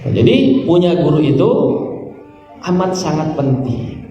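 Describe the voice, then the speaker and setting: A man preaching a sermon, asking his listeners questions and reciting Arabic slowly. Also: a little high, big pitch swings, warm tone, muffled recording. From Indonesia. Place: mosque or prayer hall. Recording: echoey hall from far off, faint music.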